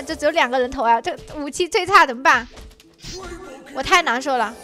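A very high-voiced young woman narrates her game in an excited, dramatic way. Her tone is sharp and bright, full of mock sobbing and sing-song chants. Soft music plays faintly underneath. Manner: dramatic, whiny fake crying and chanting. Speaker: gaming channel host.

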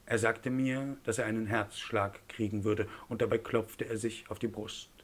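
A man's voice: on the low side, fairly even intonation, normal speed, lightly acted. A man reading the part of an island man who recounts events plainly in an audiobook. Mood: earnest.

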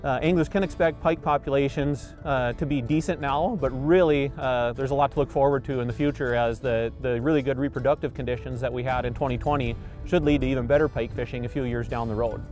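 A man's voice: mid-range voice, fairly even intonation, quick pace, darkish tone, soft background music. A man in his forties, a fisheries biologist, answering interview questions outdoors by a river in an earnest, explanatory way, with frequent fillers and restarts.

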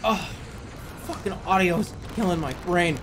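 A man's voice: sits high, unhurried, noisy background. A man in his thirties giving exasperated live gameplay commentary, often repeating short phrases and swearing. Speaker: video game streamer.

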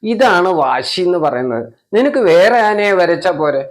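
A man voicing a mother who scolds her older son and gently coaxes her crying child. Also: high-pitched, sing-song, normal speed, voice pushed up. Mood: coaxing. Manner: scolding yet coaxing, patient questioning. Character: mother, firm but coaxing.

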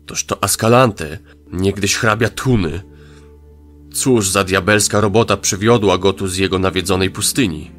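A man voicing a gruff, scornful male commander of the royal guard in an audio drama, barking his words. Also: low-pitched, normal speed, a bit bright, soft background music. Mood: alarmed.

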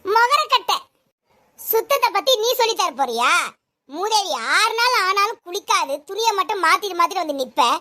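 A woman playing a sharp-tongued mother-in-law who scolds and hurls insults at her daughter-in-law in a comedy sketch. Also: extremely high pitch, sing-song, moderate pace, full character voice. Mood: scolding. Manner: scolding, name-calling.

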